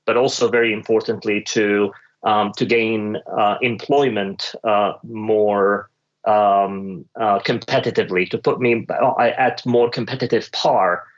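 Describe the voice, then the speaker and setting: On a discussion panel, a man who is a senior finance executive from the Middle East (Lebanon, Kuwait, Dubai) gives careful, considered answers, frequently stopping to find the right word. His pitch is fairly low, and the lo-fi recording sounds dull and muffled.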